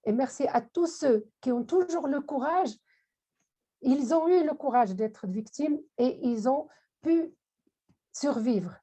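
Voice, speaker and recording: A woman giving an emotional thank-you speech, halting and repeating words as she goes. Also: high-pitched, lively intonation, mellow. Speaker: panelist at online launch.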